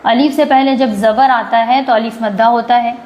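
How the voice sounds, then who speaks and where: A woman teaches Quran recitation in a live online class, and her voice sits on the higher side. She draws each recited word out slowly, then speeds up to explain it, often asking a question and answering it herself. A faint background hiss runs under the whole recording. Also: steady tone, darkish tone, rough recording. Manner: slow drawn-out recitation with quick explanations between. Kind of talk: live online tajweed lesson.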